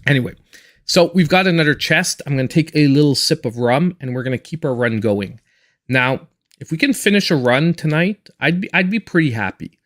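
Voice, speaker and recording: A man's voice: on the high side, lively intonation, brisk, a bit bright. A man in his forties chatting casually and in a reserved way while he live-streams a game as host. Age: 40s.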